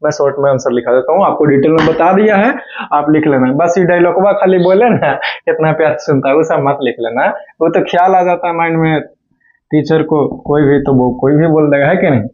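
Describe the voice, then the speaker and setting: A man teaching a school English class, often checking that students follow and dictating answers slowly. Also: on the high side, darkish tone. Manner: keeps checking in with students, slow word-by-word dictation. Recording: dull lo-fi recording.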